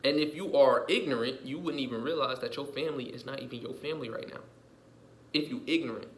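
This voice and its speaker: A man's voice: mid-range voice, fast talker, a little hiss or hum, poor audio. A man giving an emphatic, repetitive vlog monologue, swearing often and circling back over his points. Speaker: vlogger. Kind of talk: casual monologue rant.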